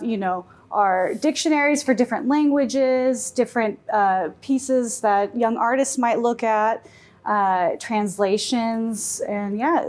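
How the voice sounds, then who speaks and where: A woman's voice: on the high side, a little mellow. Woman, 30s, music librarian; friendly, casual, hesitant interview answers. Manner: friendly, with many fillers and restarts.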